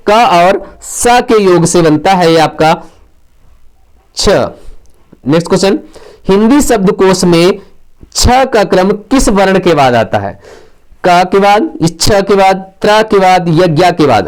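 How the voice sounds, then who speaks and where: A man with a high-pitched voice runs an exam-prep quiz on Hindi grammar. He reads out each question and its options, then gives the answer with a short explanation. He slips quiz phrases and numbers into his Hindi. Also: darkish tone. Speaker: Hindi teacher.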